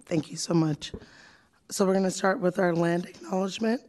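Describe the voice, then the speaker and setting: A woman's voice: on the low side, darkish tone, slight background noise. A woman chairs a public committee meeting, reading a prepared statement aloud and moving through the agenda. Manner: brisk, reads a prepared statement.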